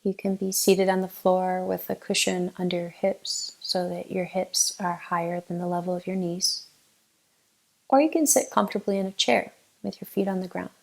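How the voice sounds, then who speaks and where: In a rough recording, a female meditation teacher talks in a gravelly mid-range voice. She leads the session slowly and gently, leaving long silences between instructions.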